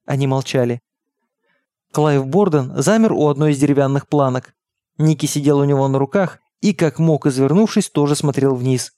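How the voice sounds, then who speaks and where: A man reading an audiobook in steady, measured narration. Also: medium pitch, no room sound, studio quality. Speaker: audiobook reader. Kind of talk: scripted narration.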